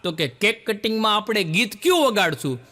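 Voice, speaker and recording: A man's voice: high voice, very animated, brisk, sharp tone. A man, telling folksy jokes live to an audience as a stand-up comedian.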